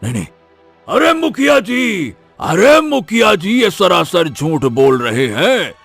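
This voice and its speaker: An actor playing a scheming village villain who frantically denies the charges, with a gravelly voice. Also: male voice, sits high, very animated, slow, no room sound, soft background music, heavily acted. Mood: panicked. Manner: frantic denials, shouting.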